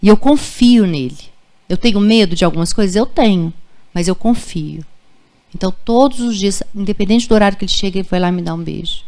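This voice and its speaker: A woman's voice: medium pitch, fairly quick. Conversational woman lecturing parents. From Brazil. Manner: warm, conversational, checks in with "tá?" and "gente". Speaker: pediatrician giving a parenting talk. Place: school auditorium.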